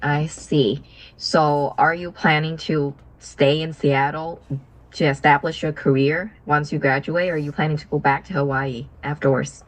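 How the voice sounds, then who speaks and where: A young woman from Vietnam, a business partner chatting casually on a video call, friendly and asking questions with fillers and soft laughs. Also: low voice, steady tone, moderate pace, rough recording.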